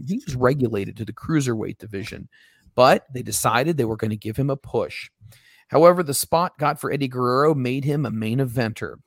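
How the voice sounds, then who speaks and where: A man's voice: mid-range voice, dry recording, clean studio sound. A man hosting a wrestling podcast, chatting casually and with enthusiasm. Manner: enthusiastic wrestling fan, rambling. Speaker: podcast host.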